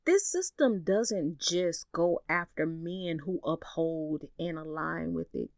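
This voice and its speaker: A woman with a fairly low voice hosts a solo podcast, talking earnestly and with emphasis in a relaxed, conversational way. The sound is dry and close, with no room around it. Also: slow, vocal fry, dry recording. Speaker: podcast host.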